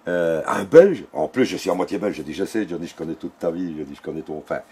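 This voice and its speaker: Homme âgé belge, voix grave et animée. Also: male voice, low voice, fairly quick, slightly rough. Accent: Belgian French. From Belgium. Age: older. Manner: animated storyteller who acts out dialogue. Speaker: interviewee. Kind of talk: casual storytelling interview.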